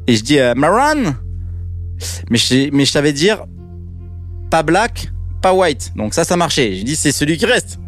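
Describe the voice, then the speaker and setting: Un homme qui raconte une aventure personnelle dans un podcast, de façon vivante et dramatique, avec un langage familier. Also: male voice, fairly high pitch, normal speed, soft background music. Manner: lively, dramatic, casual slang. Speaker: podcast guest telling his story. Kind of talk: personal storytelling.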